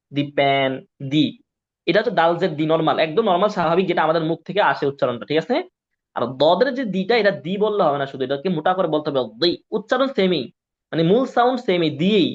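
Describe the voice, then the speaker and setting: A male Quran teacher from Bangladesh runs a class lesson, drilling each syllable and asking again and again if everyone understands. His voice sits fairly high for a man. The recording is dull and lo-fi. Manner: drills syllables, keeps asking if students follow. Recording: dull lo-fi sound.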